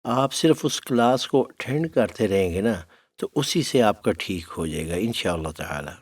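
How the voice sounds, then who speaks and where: A middle-aged man teaching Quran recitation who speaks patiently, calls his students "my child" and draws out syllables slowly to demonstrate them. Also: on the low side, animated. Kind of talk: tajweed lesson.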